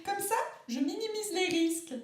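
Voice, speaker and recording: A woman's voice: very high voice, normal speed, very echoey, voice pushed up. A woman playing a grand, theatrical national actress who is fearful and fussy, speaking in an affected, precious and rambling way in a comic radio sketch.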